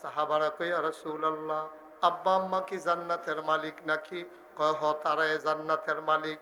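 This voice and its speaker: A middle-aged man preaching an emotional sermon in a large outdoor pandal, swinging from soft, chanted pleading to loud cries. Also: fairly high pitch, level tone, a little fast, a little hiss or hum. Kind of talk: emotional sermon at an evening gathering.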